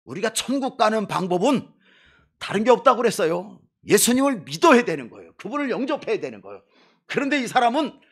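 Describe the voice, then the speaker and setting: A missionary pastor delivers a sermon in a church, his voice pitched high and swooping widely up and down. He keeps asking his congregation rhetorical questions and drops in joking asides. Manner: lively, emphatic preaching with rhetorical questions to the congregation; jokes and playful asides to the congregation. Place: church sanctuary before a congregation.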